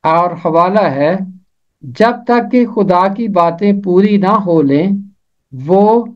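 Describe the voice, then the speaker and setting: Man teaching pronunciation slowly, muffled recording. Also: high voice. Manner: repeats each word slowly and carefully. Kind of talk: slow, deliberate pronunciation lesson.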